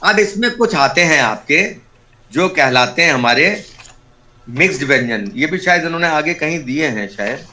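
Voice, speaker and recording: A man's voice: fairly high pitch, expressive, normal speed, pushed and bright. A man teaching an online Sanskrit class over a video call, patiently explaining step by step and repeating key terms.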